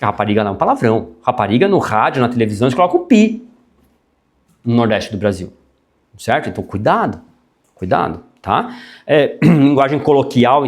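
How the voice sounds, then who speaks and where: A man teaching a public speaking class, animated and chatty, dropping frequent tag questions and jokey asides. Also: mid-range voice. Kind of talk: classroom lecture.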